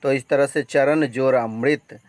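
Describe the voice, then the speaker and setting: A man teaching a grammar lesson with a Bihari Hindi accent, slow and deliberate, drawing out each example and repeating his points. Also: mid-range voice, fairly even intonation, no room sound.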